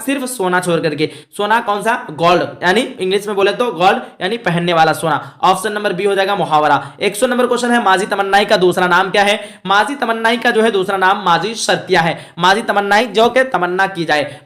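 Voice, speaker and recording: A man's voice: sits high, a bit bright. A man teaching an online exam-prep class, explaining each answer step by step and asking and answering his own questions. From India. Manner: repeats "thik hai" to check in with students.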